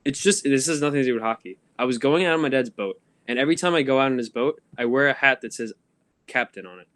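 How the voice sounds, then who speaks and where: A young man with a medium-pitched, slightly bright voice talks fast while co-hosting a casual podcast, recorded on a phone. He tells long, rambling stories packed with ums and laughter.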